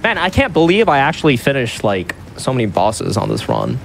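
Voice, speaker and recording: A man's voice: medium pitch, sing-song, brisk, creaky, a little hiss or hum, poor audio. A man playing a game live, commenting casually with joking, self-deprecating exaggeration. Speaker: gamer, speedrunner playing live. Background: game music and sound effects.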